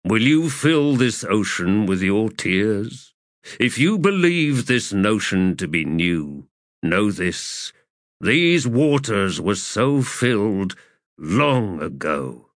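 A man voicing an ancient, solemn male sea god who speaks in a grave, measured, consoling manner. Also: on the low side, big pitch swings, dry recording, studio quality.

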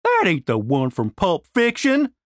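A woman's voice: fairly low pitch, wildly swooping pitch, unhurried, dry recording, studio quality, pitched above the performer's own voice. A man voicing a tough, crude, swearing woman fighter with blunt folksy slang. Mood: wry.

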